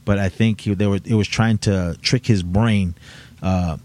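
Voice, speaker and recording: A man with a somewhat low voice co-hosts a casual chat. He retells events in a rambling, halting way, full of restarts and fillers. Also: fairly even intonation, darkish tone.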